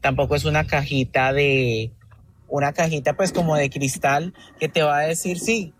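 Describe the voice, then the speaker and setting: A man's voice: on the high side, fairly even intonation, normal speed, slight background noise. A man, calling a radio show on speakerphone and rambling earnestly about his devotion. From Antioquia, Colombia. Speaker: radio caller. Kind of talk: call-in storytelling. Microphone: phone on speaker.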